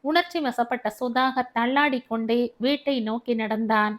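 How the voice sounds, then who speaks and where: A woman's voice: fairly high pitch, normal speed. A woman reading a family novel aloud as an audiobook narrator.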